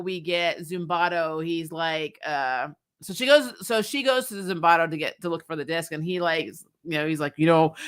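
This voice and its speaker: A middle-aged TV recap host with a medium-pitched, pushed, bright and smooth voice talks through a review in a casual, blunt way. Raised on military bases, this host is often exasperated and swears freely in opinionated chat.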